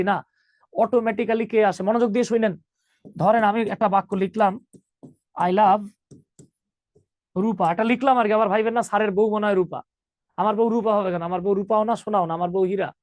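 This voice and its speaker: A man's voice: high-pitched, fairly even intonation, fairly quick, long pauses, no room sound. A man teaching an online English grammar class, joking with students and calling them 'baba'.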